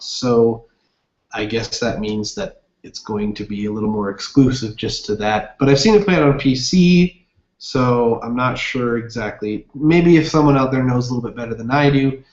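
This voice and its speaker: A young man with a medium-pitched, darkish voice hosts a casual gaming livestream, rambling upbeat with lots of fillers as he reads viewer comments. The webcam audio is roomy, dull, and lo-fi.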